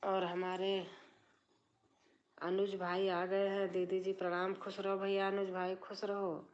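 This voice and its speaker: A woman's voice: mid-range voice, monotone, takes it slowly, highs cut off, slight background noise. A middle-aged woman hosting a live stream from her drawing room, chatting casually with viewers and keeping her voice down. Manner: speaks softly, keeping her voice down. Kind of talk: casual live chat reading comments.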